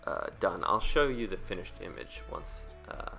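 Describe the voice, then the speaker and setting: A man with a low voice that frays into gravelly vocal fry as his phrases end. He rambles casually through a speedpaint voice-over, thinking aloud in a hesitant, self-deprecating way. Faint music plays behind him. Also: sing-song, normal speed, sharp tone. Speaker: webcomic artist and video creator.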